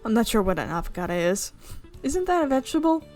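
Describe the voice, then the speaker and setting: Reading a visual novel aloud at a quick pace, a young woman keeps stopping for chatty, amused asides about the script. She is a let's player giving casual commentary, her voice on the high side, a little mellow and sing-song, over faint background music.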